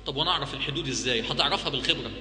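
A man with an Egyptian accent preaching to a live audience, firing off rhetorical questions in an animated way. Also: medium pitch, racing. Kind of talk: religious talk to a live audience. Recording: echoey hall with faint hum.

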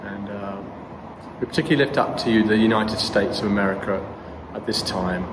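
A middle-aged man leading a spoken congregational prayer as pastor, measured and earnest with pauses. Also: on the low side. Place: church hall with brick walls. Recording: roomy hall echo, background noise.

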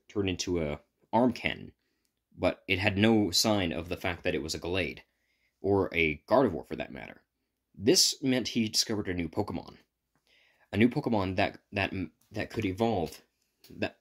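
A man improvising a fan story, rambling with frequent stops and restarts as he retells it. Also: low voice. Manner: rambling, stop-and-start retelling.

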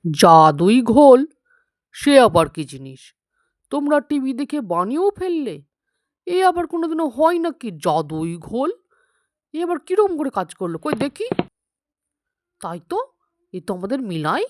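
Fussy old grandma. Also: female voice, high-pitched, very animated, moderate pace, long pauses, no echo, clean studio sound. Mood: puzzled, fond. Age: older. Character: fussy elderly grandmother, tired and grumbling. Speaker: voice actor. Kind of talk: cartoon dub acting.

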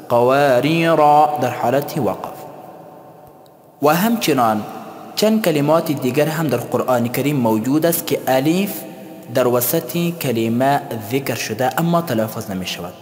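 A man teaching a tajweed lesson. He explains slowly and chants the example words. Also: medium pitch, lively intonation, darkish tone. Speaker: Quran recitation teacher. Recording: long hall reverb.

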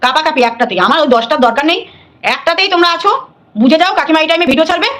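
A middle-aged woman on a live stream, talking at a rapid clip in a high voice. She scolds defiantly and drives her points home by saying them again and again. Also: lively intonation, fairly bright tone.

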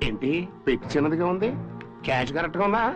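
A man's voice: fairly high pitch, animated, fast, lightly acted. An actor playing a nervous male crook at a ransom handover. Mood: uneasy. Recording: film soundtrack with music.

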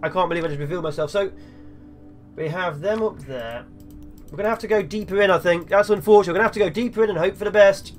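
A man's voice: sits high, fast talker, faint music behind. A young man hosting a game let's play, chatting and joking to himself as he plays. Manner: chatty, jokey, talks to himself while playing. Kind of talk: gameplay commentary.

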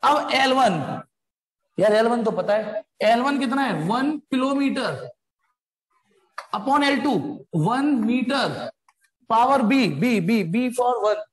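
A man's voice: extremely high pitch, animated, slow pace, roomy sound. A man teaching a physics class, calling his students beta and quizzing them as he works through each step. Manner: addresses students as beta, asks them questions.

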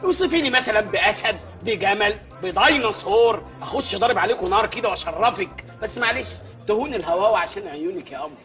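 An actor playing a bumbling, short-tempered village mayor in a comedy sketch, with an Egyptian accent, ranting and pleading loudly. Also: male voice, sits high, lively intonation, fast talker, hardly any pauses, faint music behind. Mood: exasperated. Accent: Egyptian Arabic. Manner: loud comic ranting and pleading.

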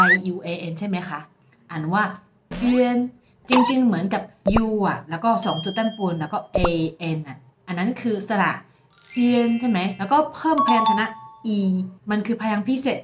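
A woman's voice: medium pitch, animated, moderate pace. A woman teacher patiently explaining pronunciation step by step. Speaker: language teacher. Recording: loud music playing underneath.

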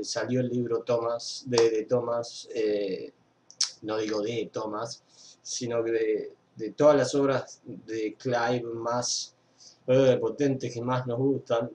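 This young Argentine fan-page host chats casually about news on webcam from an indoor room at his computer. His Argentine Spanish comes in a medium-pitched, darkish voice, full of fillers, restarts and rambling.

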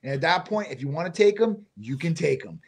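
A man's voice: fairly high pitch, big pitch swings, fast talker, a crowd in the background. A man who owns a clinic and co-hosts a live question-and-answer show, speaking bluntly and casually into a desk mic. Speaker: clinic owner, co-host. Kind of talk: live Q&A chat. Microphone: desk microphone.

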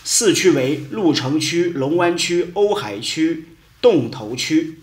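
Slow, deliberate man teaching mnemonics. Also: fairly high pitch, expressive. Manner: slow, deliberate, chanting verses. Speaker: memory-technique teacher. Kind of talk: educational lesson with mnemonic rhymes. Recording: echoey room.

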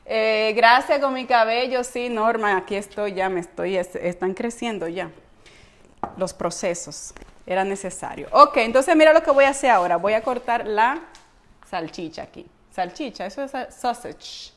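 A woman's voice: fairly high pitch, moderate pace. A woman hosts a casual live cooking stream from her home kitchen, chatting, laughing often and answering viewer comments. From Latin America. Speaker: cooking vlog host and coach.

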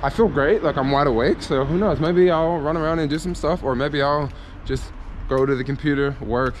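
With a fairly high-pitched voice at a normal speed, a sleep-deprived young travel vlogger from the United States chats his way through a train journey and a stroll around a city, easygoing, upbeat, and thinking out loud. The noisy outdoor sound comes from a handheld wide-angle camera's mounted mic, full of station and street noise.

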